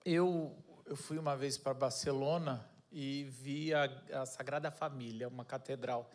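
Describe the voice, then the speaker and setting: A man's voice: medium pitch, fairly even intonation, unhurried, a little mellow. A man preaching a casual sermon, joking and correcting himself as he goes. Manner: chatty, jokey, self-correcting. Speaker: pastor.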